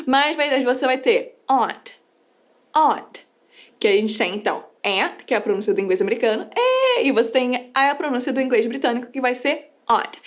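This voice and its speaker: A young woman from the United States, chatty and animated, giving a casual video lesson on English as a teacher. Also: high voice. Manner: chatty and animated, lots of fillers; lively, playful teaching tone.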